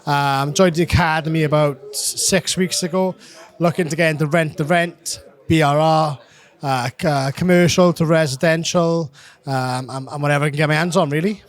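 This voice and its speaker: A man's voice: fairly high pitch, fairly even intonation, moderate pace. A man from South Wales with a South Welsh accent, giving casual testimonial answers in informal, clipped short phrases. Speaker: academy student giving a testimonial.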